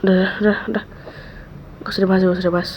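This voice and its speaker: A woman in a whispered role-play, soothing a friend softly and repeating comforting words close to the mic. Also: mid-range voice, flat delivery, very fast. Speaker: ASMR role-play creator. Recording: dull lo-fi mic with faint hiss.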